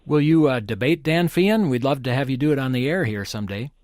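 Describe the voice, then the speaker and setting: Public radio host, male. Polite, measured interview questioning, medium pitch, very little room sound. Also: animated, a little mellow, no room sound, studio quality.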